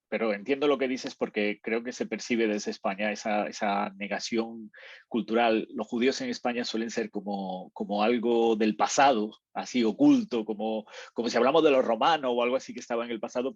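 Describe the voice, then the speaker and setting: A male interviewer with a husky voice asks his questions hesitantly, stumbling over his first words. The sound is dull and dry. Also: fairly low pitch, dry recording. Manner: hesitant, repeats words when starting. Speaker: interviewer, host.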